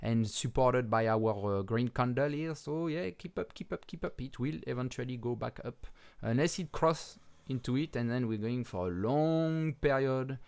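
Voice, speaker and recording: A man with a French accent and French as his first language, talking through crypto charts in a casual, halting way with many pauses and restarts, and swearing bluntly now and then. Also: mid-range voice, darkish tone, smooth. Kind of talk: casual market commentary over charts.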